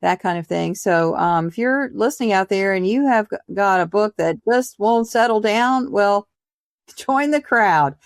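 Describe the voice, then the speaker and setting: A woman's voice: medium pitch, normal speed, few pauses, smooth, no room sound, clean studio sound. A woman hosting a podcast interview, chatty and encouraging, laughing easily. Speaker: podcast host. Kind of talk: casual interview chat.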